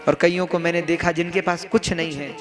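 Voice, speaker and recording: Young man, religious storyteller, high voice, rhetorical questions, music behind. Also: little pitch movement, brisk. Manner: rhetorical questions, addresses listeners as bhaiya. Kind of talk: devotional katha sermon. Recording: music in the background.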